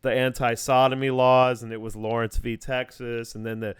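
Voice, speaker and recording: A male host leads a casual chat over a video call, his mid-range voice level in tone, clean, and at normal speed. He explains things at length, with lots of fillers and restarts picked up by the video call mic.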